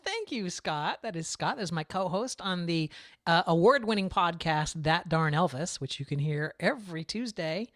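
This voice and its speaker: Lively chatty male podcast host. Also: a little high, moderate pace, dry recording. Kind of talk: casual live-stream chat.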